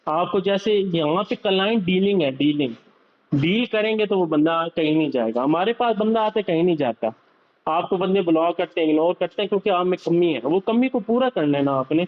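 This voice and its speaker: A man's voice: high voice, expressive. A young man giving a motivational talk to his sales team, lecturing and repeating his points as he speaks straight to the listeners. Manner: lecturing, repetitive, addresses listeners directly. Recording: slightly dull, lo-fi audio.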